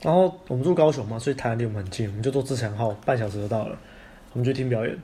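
A man's voice: mid-range voice, dark tone. A man with a Taiwanese Mandarin accent, co-hosting a podcast and telling stories in a casual chat, swearing now and then. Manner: fast storytelling, swears casually. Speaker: podcast co-host.

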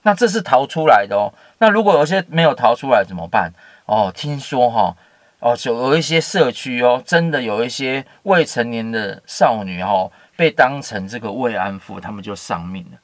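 A man's voice: medium pitch, lively intonation, moderate pace, no echo. A man giving a casual Bible teaching, reading scripture and adding chatty asides with many fillers. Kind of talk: casual Bible story commentary.

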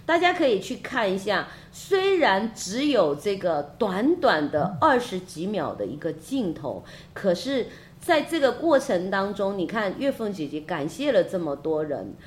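A woman hosting a podcast interview, talking in a halting way and repeating words while she looks for them. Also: mid-range voice, sing-song, slight background noise. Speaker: podcast host. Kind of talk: casual interview chat.

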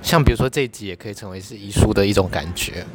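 A man's voice: on the low side, racing, music in the background. A man, cracking dry teasing jokes in a casual chat. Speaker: podcast guest.

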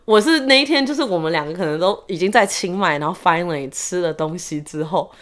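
A woman's voice: on the low side, animated, fast talker, fairly bright tone. A woman co-hosting a podcast in casual chat, telling her own stories expressively with laughter and English words mixed in. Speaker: podcast co-host.

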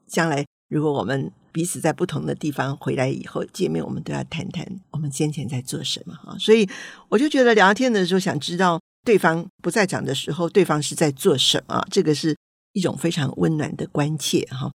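A woman's voice: deep voice, a little fast, gravelly, husky, dry recording, studio quality. An older woman with a Taiwanese accent, an author chatting folksily about her grandchildren and acting out family dialogue. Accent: Taiwanese Mandarin. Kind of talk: storytelling talk.

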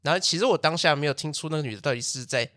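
A young man tells a story in a casual, animated way, acting out the quotes and swearing now and then. His voice sits a bit high for a man. The sound is dry and close. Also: racing, no echo. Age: young adult. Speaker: podcast host.

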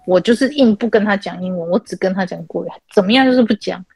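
Woman in her 30s, host, casual chat, lively storytelling, dry close sound. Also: medium pitch, fast talker, gravelly, husky, no echo, rough recording. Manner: animated storytelling, laughs often. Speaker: host of online chat room. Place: at home.

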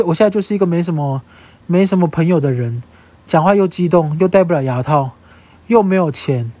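A young adult podcast host with a Taiwanese Mandarin accent, talking alone in a casual, emphatic and expressive way, with casual swearing. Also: mid-range voice, no room sound. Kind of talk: casual solo podcast monologue.

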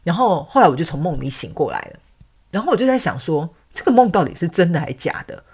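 Low-voiced woman telling a story. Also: big pitch swings, fast, a little mellow, breathy edge. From Taiwan. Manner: chatty, many fillers, laughs often. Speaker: podcast host. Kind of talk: casual storytelling monologue.

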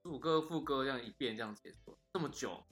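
A man co-hosting a casual podcast, animated and giggly, firing quick questions. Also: mid-range voice, soft background music. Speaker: podcast co-host. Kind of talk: casual chat.

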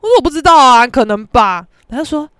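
With a Taiwanese Mandarin accent, a woman podcaster tells a story as a casual monologue, brash, profane and dramatic, shouting out the quotes she acts out. She has a high, expressive voice and talks fast, with a clean tone and studio-quality sound free of room noise.

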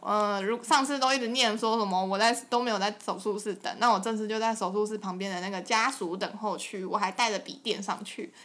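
A woman's voice: mid-range voice, steady tone, quick pace, hardly any pauses, fairly bright tone. A woman with a Taiwanese Mandarin accent co-hosting a podcast, telling her side of a story in playful casual chat. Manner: playful, laughs often while telling a story. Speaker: podcast co-host.

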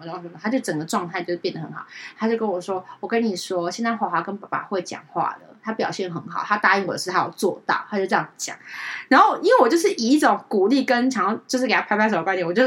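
Fast-talking woman telling stories. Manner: animated, acts out quoted dialogue with big pitch jumps. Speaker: pet communicator. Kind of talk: casual podcast storytelling.

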